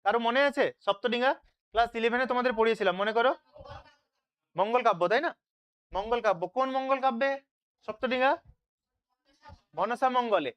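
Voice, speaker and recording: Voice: medium pitch, fairly bright tone. A teacher leading an online revision class, asking questions and then answering them, checking again and again that students follow.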